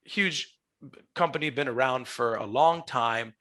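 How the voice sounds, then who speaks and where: A man hosts a podcast with a raspy smoker's voice that still cuts through brightly. His pitch sits in the middle. He talks in a chatty, showman-like way into a headset mic. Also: measured pace. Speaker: podcast host. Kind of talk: lively podcast hosting. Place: small glass-walled office, video call. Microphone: headset boom mic.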